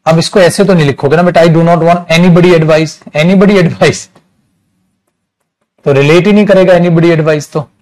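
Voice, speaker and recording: Male teacher, middle-aged; slow, teasing, high-ish delivery. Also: steady tone, darkish tone. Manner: slow, chatty, teasing, calls students beta. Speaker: English grammar teacher. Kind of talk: casual classroom lecture.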